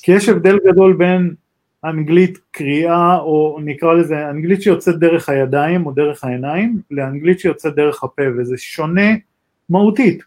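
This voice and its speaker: High-pitched Israeli man, halting and conversational. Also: a little mellow. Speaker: talk co-host, tech entrepreneur. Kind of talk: casual podcast conversation.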